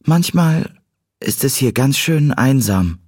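A man's voice: medium pitch, lively intonation, slow, a little mellow, no room sound, pitched above the performer's own voice. A man voicing a sarcastic, teasing teenage girl in an audiobook, raising his voice to play her. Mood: casual, dry. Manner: dry, teasing, lightly mocking. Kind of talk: audiobook character voice.

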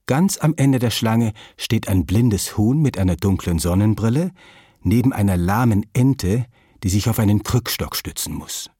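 A male storyteller reading a children's tale in a calm, measured way. His voice sits very low and a little husky, recorded close and dry. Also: no echo.

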